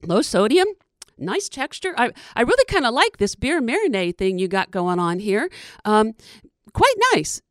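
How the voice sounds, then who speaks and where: A woman voicing a chatty, plump female groundhog who is a fairy godmother in training, eager and fussy, halting over her words, in a told story. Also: fairly high pitch, very animated, dry recording, clean studio sound.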